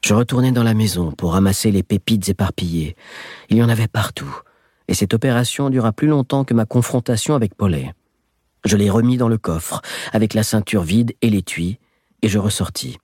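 A man reading a novel aloud in steady first-person narration. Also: on the low side, husky, no room sound, studio quality. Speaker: audiobook narrator. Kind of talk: scripted narration.

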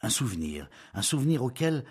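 A man reading a classic novel aloud as audiobook narration, in a measured, steady storytelling voice. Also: mid-range voice, husky. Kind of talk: scripted literary narration.

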